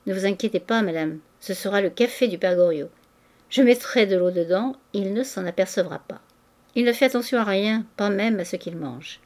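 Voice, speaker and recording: A woman's voice: medium pitch, normal speed, darkish tone, natural voice. A woman reading aloud, voicing a practical, blunt cook who speaks in an offhand, reassuring way. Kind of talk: audiobook reading.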